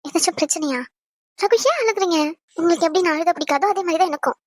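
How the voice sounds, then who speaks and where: A woman playing a high-voiced, chatty young wife. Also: fast talker, dry recording. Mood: worried. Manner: chatty, fussing, tender. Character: caring young pregnant wife, chatty and affectionate. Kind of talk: Tamil audio drama acting.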